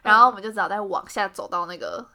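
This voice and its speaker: A young woman with a Taiwanese Mandarin accent, co-hosting a podcast and telling stories in an animated way, laughing often. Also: medium pitch, fast talker. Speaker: podcast co-host. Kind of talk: casual chat.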